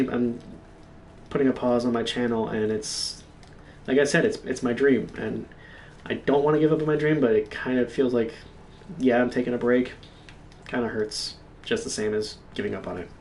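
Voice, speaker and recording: Rambling, swearing gaming host, a bit off-mic. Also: male voice, medium pitch, far from the mic, slight background noise. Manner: rambling, halting, heavy swearing. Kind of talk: casual solo storytelling stream.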